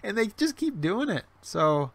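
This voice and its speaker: A man in his forties hosts a relaxed livestream in a high-pitched, sing-song, creaky voice with a bit of brightness, taking his time as he reads chat. His webcam mic catches rambling speech full of fillers and restarts, plus wry self-deprecating jokes.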